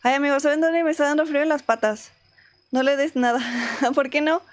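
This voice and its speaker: High-voiced Mexican woman streamer. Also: a little fast. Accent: Mexican Spanish. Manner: chatty, greets viewers by name. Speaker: game streamer. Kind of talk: casual live-stream chat. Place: at home.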